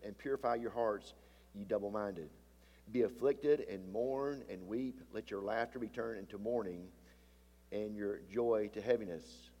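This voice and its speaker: A male pastor preaches a sermon in a church sanctuary, his voice stuffy and deeper than normal because of a sinus problem. To stress a point, he often grows louder and slows down. Long hall reverb from the sanctuary colors the recording.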